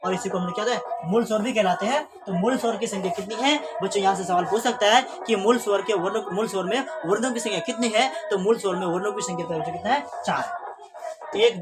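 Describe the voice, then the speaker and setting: A woman's voice: medium pitch, brisk, noisy background. A woman teaching a grammar lesson to students, asking questions aloud and answering them herself.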